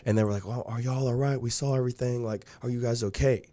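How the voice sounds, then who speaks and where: A man's voice: medium pitch, fairly even intonation, fast, warm tone. A young man telling a long personal story in casual chat, rambling with lots of fillers. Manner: rambling, many fillers like "like" and "dude". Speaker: podcast guest.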